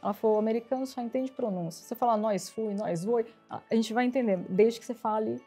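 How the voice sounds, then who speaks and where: Lively woman telling stories. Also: fairly high pitch, fast talker, husky, faint music behind. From São Paulo, Brazil. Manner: lively storyteller acting out quoted dialogue. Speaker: interview guest, IT executive. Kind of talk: casual storytelling interview.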